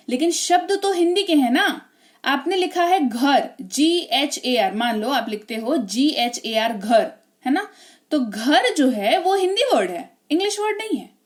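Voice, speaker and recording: An Indian-accented woman teaching English spelling rules, chatty and often checking in with tag questions. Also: sits high. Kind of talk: spelling lesson explaining rules.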